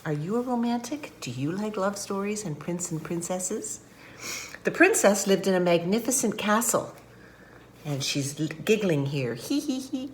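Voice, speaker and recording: A woman's voice: medium pitch, lively intonation, moderate pace, a little hiss or hum. An older woman reading a picture book aloud to children, chatty and playful with friendly asides. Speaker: guest reader.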